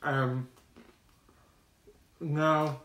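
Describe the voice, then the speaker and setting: Guy with a slightly high voice rambling to his stream viewers, opinionated and slangy, roomy echo. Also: little pitch movement, extremely slow, a bit bright. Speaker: mukbang streamer. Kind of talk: casual rambling live-stream chat to viewers. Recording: roomy, echoey room sound.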